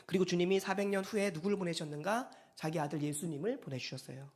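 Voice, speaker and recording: A pastor giving a Sunday sermon in a church, animated and acting out quoted speech. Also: mid-range voice, fast talker.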